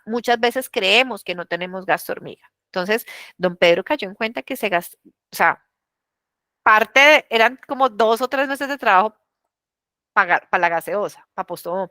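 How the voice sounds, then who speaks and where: A woman leads a financial education workshop, telling anecdotes in a colloquial, animated way. Her voice sits at a middling pitch for a woman. The recording is dry and close. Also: no echo. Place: virtual workshop session.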